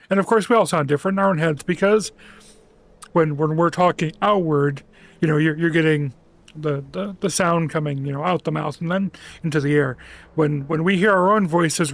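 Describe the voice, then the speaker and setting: A streamer chats casually on a home livestream through a headset mic, soft-spoken and relaxed, rambling with lots of restarts and fillers. His voice is a little high, with vocal fry.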